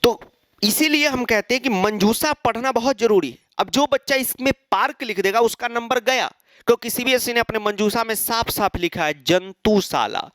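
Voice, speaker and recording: A man's voice: very high-pitched, moderate pace, fairly bright tone, no echo, studio quality. A man teaching an exam-prep lesson, explaining step by step and answering his own questions. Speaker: Sanskrit teacher.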